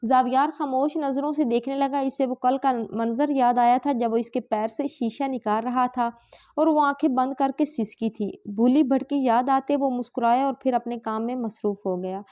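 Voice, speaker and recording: A woman with a Pakistani Urdu accent reads a romance novel aloud as audiobook narration, handling every character's dialogue herself. Her voice sits high, and she keeps the reading dramatic and steady throughout. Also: normal speed.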